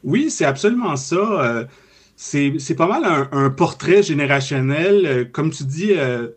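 A man in his forties with a Quebec French accent, his voice pitched slightly above average. He discusses a film in a relaxed, casual way. He hesitates often and leans on fillers as he thinks. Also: unhurried, breathy edge. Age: 40s.

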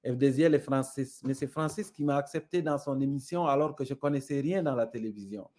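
Speaking a little fast in a medium-pitched, darkish voice, a middle-aged man from Senegal shares parables as a guest. His Senegalese French accent carries thoughtful conviction throughout the reflective conversation.

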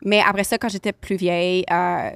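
A woman playing a rich young Los Angeles influencer and DJ who speaks halting French with an American accent, dropping English words and valley-girl fillers. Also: fairly low pitch, level tone, gravelly, fairly bright tone, smooth, no room sound. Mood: breezy. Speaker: guest. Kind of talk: improvised comedy interview.

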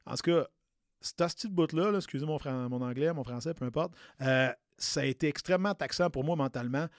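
A personal trainer in his late thirties, Québécois-accented, chats his way loosely through a story on a casual storytelling podcast, slipping in bits of English slang. His voice runs a little high and a little fast, captured in studio quality without echo.

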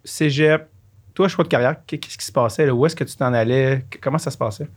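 A man's voice: medium pitch, brisk. A man with a Quebec French accent, hosting a podcast and interviewing his guest in casual chat. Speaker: podcast host.

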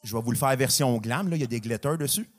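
A man doing stand-up on stage, delivering a rapid string of deadpan bits. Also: medium pitch. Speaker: stand-up comedian. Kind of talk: stand-up one-liners. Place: comedy club stage.

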